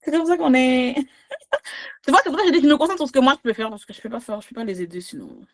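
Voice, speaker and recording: A woman from Quebec with a Québécois accent, chatting as a podcast guest and comedian, animated and laughing often with big swings in her voice. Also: sits high, very fast. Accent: Québécois French. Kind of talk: casual interview chat.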